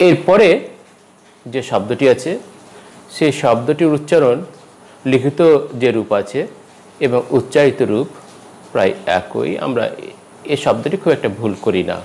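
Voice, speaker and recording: A man giving a pronunciation lesson, repeating each word slowly and carefully, with a rise in pitch at every new word. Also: a little hiss or hum, low-quality recording. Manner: lively teacherly stress, rises at each new word. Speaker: language teacher.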